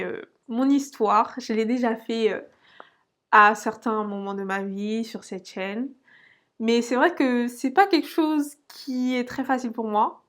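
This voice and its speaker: A woman's voice: on the high side, a bit bright. A young woman from Portugal telling her personal story to camera, hesitant and full of fillers and restarts. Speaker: finance vlogger.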